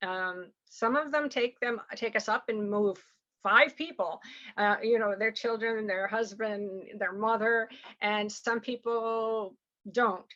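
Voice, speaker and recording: A woman from a surrogacy agency who explains things quickly over a video call, rambling with many fillers and restarts. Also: fairly high pitch, steady tone, fairly bright tone, lo-fi sound. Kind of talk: online information session, explaining and answering questions.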